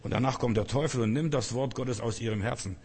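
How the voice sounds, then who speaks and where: A man delivers a sermon in an earnest, direct manner and keeps putting questions to his listeners. His voice is husky and sits in a mid register. A long reverb trails after every phrase, as in a large hall. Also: mid-range voice, fast talker, darkish tone. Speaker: preacher.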